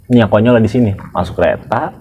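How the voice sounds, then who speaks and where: A man, a security guard telling stories in casual podcast chat, animated and blunt with slang and swearing. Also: fairly low pitch, fast talker, slightly rough. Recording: dull lo-fi recording.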